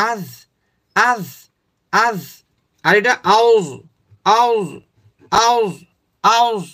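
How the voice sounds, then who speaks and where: Bright-voiced man teaching pronunciation. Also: high voice. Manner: repetitive, demonstrating sounds slowly and often. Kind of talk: step-by-step pronunciation lesson.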